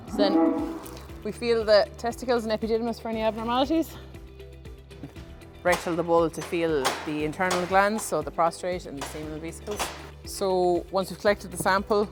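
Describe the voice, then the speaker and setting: A woman with an Irish accent, a farm vet explaining a procedure step by step. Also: fairly low pitch.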